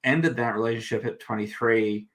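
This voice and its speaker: A thirties-aged man from New Zealand speaks at a medium pitch and normal speed, his tone steady and his accent a mix of New Zealand and American. He's a guest in a casual chat, often restarting his sentences in a self-deprecating way.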